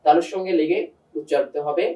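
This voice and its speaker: A man's voice: on the high side, fairly even intonation, a little fast, warm tone. A man teaching a step-by-step pronunciation lesson for reading the Quran. He patiently repeats each letter sound and speaks straight to a student and to the viewers. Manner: addresses a student and the viewers directly. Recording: roomy sound, voice from a distance.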